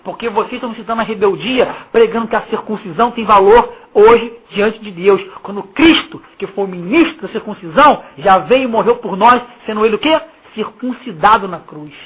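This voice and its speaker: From Rio de Janeiro, a husky preacher with a mid-range voice and Carioca accent reads scripture and riffs on it informally. He mocks and emphasizes, hurling slang-laden rhetorical questions at listeners. The audio is lo-fi and muffled, almost like a phone call.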